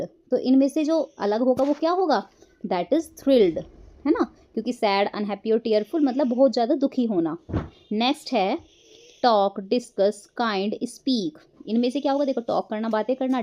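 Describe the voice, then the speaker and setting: A woman teacher explaining a school textbook lesson, mixing Hindi and English and reading English lines slowly before explaining them. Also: on the high side, dark tone.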